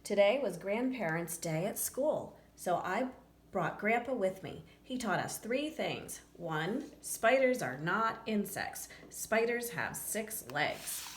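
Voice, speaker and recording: A woman reads a picture book to young listeners, her voice mid-range and her pace slow. She acts out the story vividly and drops in chatty remarks to the children between passages, all captured with a roomy echo and faint background noise.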